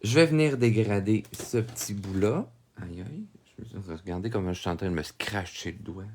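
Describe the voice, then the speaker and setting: A man with a Québécois French accent narrating a drawing tutorial, calmly explaining each step and often checking in with viewers. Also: fairly low pitch, fairly quick, a little hiss or hum. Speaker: drawing instructor.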